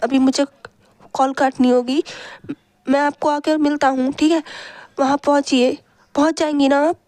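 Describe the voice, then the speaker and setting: A woman voicing a caring, protective young man in a read-aloud story, reassuring in a hurried way. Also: high-pitched, fairly even intonation, darkish tone, no room sound, close to an everyday voice. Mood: caring urgent. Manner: soothing yet hurried, many quick questions. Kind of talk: storybook reading.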